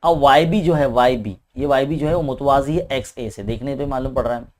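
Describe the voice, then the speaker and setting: Speaking quickly at medium pitch over a faint hiss or hum, a maths teacher with an Indian Urdu-speaking accent walks through an exam paper step by step. His explanations are peppered with a questioning "hai na".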